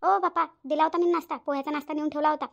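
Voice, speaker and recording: A woman's voice: high voice, steady tone, rapid-fire, creaky, muffled recording. A woman voicing an indignant young daughter-in-law in a cartoon, with a Vidarbha Marathi accent. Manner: indignant, defensive. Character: young daughter-in-law, defensive and sharp-tongued. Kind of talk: cartoon voice acting.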